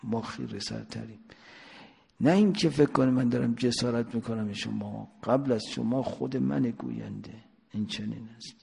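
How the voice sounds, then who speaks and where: A man's voice: mid-range voice, creaky, a little mellow, breathy edge. A man preacher giving a sermon, telling a story and asking his listeners rhetorical questions, with a long hall reverb. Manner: rhetorical questions, drawn-out emphasis.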